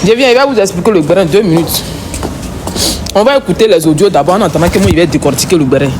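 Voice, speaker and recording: A woman's voice: lowish voice, animated, fast, noisy background. A woman with an Ivorian French accent hosting a live stream from home on her phone, scolding her viewers in a combative, repetitive rant. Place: home, early morning.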